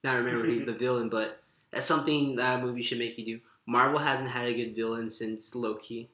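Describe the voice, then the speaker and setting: A man co-hosts a casual movie chat with enthusiasm and keeps the talk moving. His voice is bright and forward. He sounds like he is in an echoey room. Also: medium pitch, fairly even intonation, fairly quick. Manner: enthusiastic, leads the rundown.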